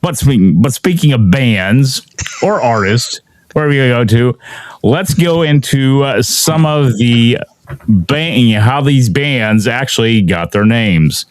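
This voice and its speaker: A man hosting a casual podcast, speaking haltingly with many "you know" and "I mean" fillers. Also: mid-range voice, animated, no echo. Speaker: podcast host.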